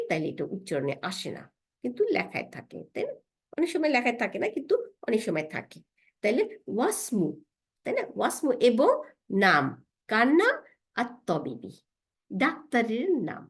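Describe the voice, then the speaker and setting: A woman teaching Arabic grammar, explaining step by step, often asking "right?" and slowing down to spell out Arabic words. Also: a little high.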